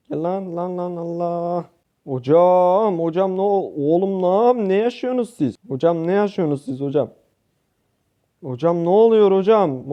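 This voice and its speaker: A young Turkish gaming YouTuber gives excitable live gameplay commentary, shouting at his teammates and repeating words rapidly. His voice is fairly high in pitch, and the high frequencies are cut off.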